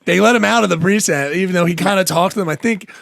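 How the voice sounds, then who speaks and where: A man's voice: sits high, quick pace, vocal fry, fairly bright tone, dry recording. A man co-hosting a casual podcast chat, recapping events and jumping into quoted voices. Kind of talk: casual true-crime chat.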